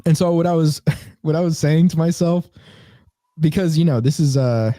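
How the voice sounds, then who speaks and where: A man hosts a comedy podcast in a mellow, dark-toned voice, winding through a story. He restarts his sentences and laughs at himself as he goes, and the sound is dry and close. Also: a little high, normal speed, no echo. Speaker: podcast host.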